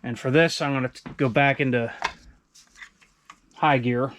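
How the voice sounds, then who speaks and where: A man's voice: mid-range voice, steady tone, measured pace, a bit bright. A middle-aged man giving casual, unscripted commentary as he works, thinking aloud in a small workshop. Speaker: host, hobby machinist. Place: small indoor wood-panelled workshop. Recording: clear machine and workshop noise.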